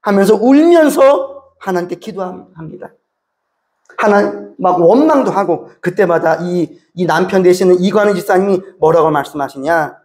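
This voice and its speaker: A male pastor preaches in a high voice, telling a long story and turning often to address his congregation. His words carry through a reverberant church sanctuary. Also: lively intonation, moderate pace, darkish tone. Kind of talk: sermon. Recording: echoey church hall.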